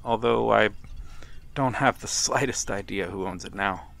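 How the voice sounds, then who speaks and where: A fairly low, gravelly-voiced man plays a courteous, wistful old-world vampire by a harbour, speaking slowly in an intimate ASMR monologue. The mood is melancholy and reflective, and his delivery stays gentle and formal, halting, punctuated by quiet chuckles and sighs.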